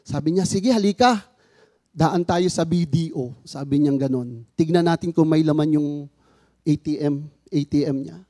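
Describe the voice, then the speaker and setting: High-voiced man telling an earnest testimony. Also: moderate pace, mellow, no room sound. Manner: earnest, acts out quoted dialogue. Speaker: father sharing a personal testimony. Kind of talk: faith testimony storytelling.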